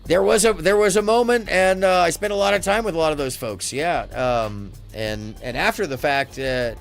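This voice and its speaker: A middle-aged American man hosting a casual live stream, chatting in a halting, rambling way that often circles back. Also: a little high, vocal fry. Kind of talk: casual chat. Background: faint music.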